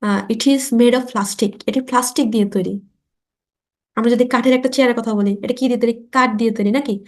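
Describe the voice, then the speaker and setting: Woman teaching slow English phrases. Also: on the high side, steady tone. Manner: slow, drawn-out model sentences for repetition; asks rhetorical check questions. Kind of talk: spoken English lesson.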